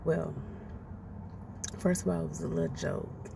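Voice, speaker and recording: A woman's voice: sits low, fairly even intonation, a little slow, vocal fry. A woman, ranting her opinions in a blunt, outspoken, profane way. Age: 40s. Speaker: commentator ranting on a podcast. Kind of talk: casual opinion rant. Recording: noisy, distant from the mic.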